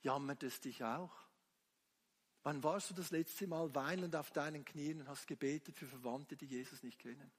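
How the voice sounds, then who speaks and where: A man's voice: fairly high pitch, fairly even intonation, moderate pace, breathy edge. A man preaching a sermon with fervor, firing rhetorical questions at the congregation. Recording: long hall reverb.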